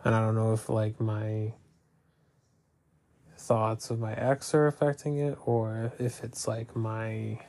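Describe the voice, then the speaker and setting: A man's voice: on the low side, flat delivery, takes it slowly, a little mellow. A young man talking hesitantly in a personal confessional monologue, full of fillers and restarts.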